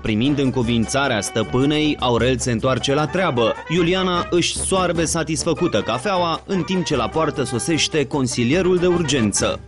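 Man, scripted wry narration, clear music under voice. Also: on the high side, hardly any pauses. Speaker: show narrator.

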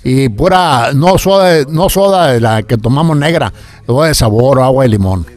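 A man's voice: mid-range voice, expressive, a little mellow. An older man, a radio announcer, talking in a casual interview and often stumbling and repeating words. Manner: halting, repeats words after a stroke.

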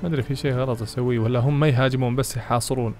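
A man giving excitable let's play commentary, chatting to his viewers and reading game text aloud as he plays. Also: mid-range voice, very fast, soft background music. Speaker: gaming channel host.

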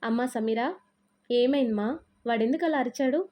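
A stern, fair-minded father-in-law asks pointed questions and sets things straight, voiced by a woman telling the story. Her delivery is firm, with a mellow tone and fairly high pitch. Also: brisk, natural voice.

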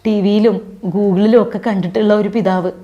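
A woman's voice: medium pitch, steady tone, normal speed, warm tone, muffled recording. A middle-aged woman from Kerala, giving an earnest, emotional faith testimony about losing her son. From Kerala, India. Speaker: bereaved mother giving testimony.

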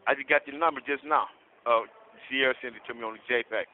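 A man's voice: medium pitch, quick pace. A man calling from prison, on a prison phone line, chatting casually in a laid-back, slangy way and laughing easily. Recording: tinny phone line with faint hiss.

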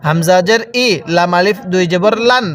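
Here a man teaches Quran reading as a spelling lesson, slowly drawing out each letter's sound so learners can repeat after him. His voice sits high and is a bit bright.

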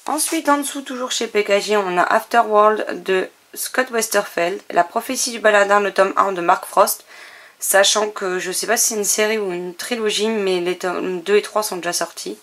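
A woman's voice: mid-range voice, moderate pace, fairly bright tone. Chatty French-speaking woman touring her bookshelf. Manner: chatty listing with frequent self-corrections. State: short on sleep. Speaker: book vlogger. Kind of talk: casual bookshelf tour chat.

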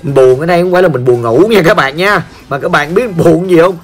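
A man with a Southern Vietnamese accent gives chatty, joking gameplay commentary as a gaming channel host, talking straight to his viewers while hoarse. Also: fairly high pitch, fairly quick. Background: faint background music.

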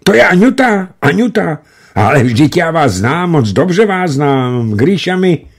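A man reading the part of an excitable young officer who shouts eagerly into a telephone. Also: on the low side. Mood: excited.

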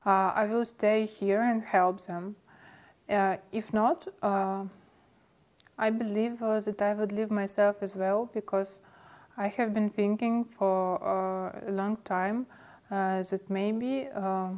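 A young woman speaks English with a Ukrainian accent, giving interview answers with frequent pauses and fillers. She sounds hesitant, feeling for each word in a mid-pitched voice. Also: steady tone, darkish tone. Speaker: activist interviewee. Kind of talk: interview answers in a second language.

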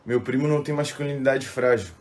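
A man loudly announcing prank challenges. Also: mid-range voice, quick pace, background noise. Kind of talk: reading on-screen prompts. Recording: music behind voice.

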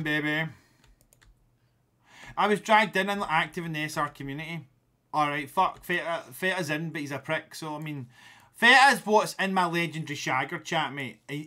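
A man with a Scottish accent streaming a game, chatting to his viewers in a sweary, excitable way that breaks into shouting. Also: fairly high pitch. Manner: sweary, loud and excitable, shouting when riled. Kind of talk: casual gaming stream chat.

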